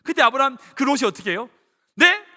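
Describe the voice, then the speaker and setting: Korean-church pastor type: high, bright male voice, lively storytelling sermon, big reverberant sanctuary. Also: a little fast. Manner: animated storytelling, acting out dialogue. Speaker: senior pastor. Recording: long reverb of a church hall.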